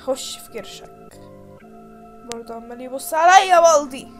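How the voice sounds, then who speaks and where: High-voiced Egyptian woman, jumpy gamer. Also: lively intonation, moderate pace. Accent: Egyptian Arabic. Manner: jumpy, panicky, shrieks and giggles when startled. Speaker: gamer playing a horror game. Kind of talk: let's play commentary. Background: game music.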